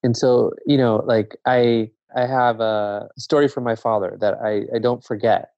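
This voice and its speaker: Man from zambia, low gravelly voice, thinking out loud as a guest, dull dry lo-fi recording. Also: steady tone, no room sound. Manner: reflective, measured, with many restarts. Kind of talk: casual conversation.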